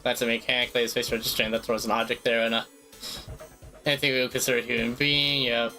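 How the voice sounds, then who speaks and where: A man's voice: medium pitch, little pitch movement, quick pace, bright, forceful tone, faint music behind, low-quality recording. A man streaming a visual novel, reading the game text aloud and reacting with casual swearing. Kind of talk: casual let's-play commentary.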